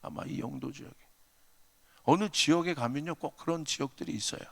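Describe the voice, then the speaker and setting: A man's voice: on the high side, a little fast, gravelly, a bit bright, slightly rough. A male pastor preaching a revival sermon in a church, emphatic, calling out hallelujahs and telling stories. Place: church sanctuary. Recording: long church hall reverb.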